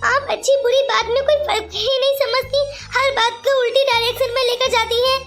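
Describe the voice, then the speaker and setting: Cartoon role: poor gentle young woman, voiced by a woman, pleading tone, very high and bright. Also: fairly even intonation, fairly quick, faint music behind. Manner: pleading and tearful.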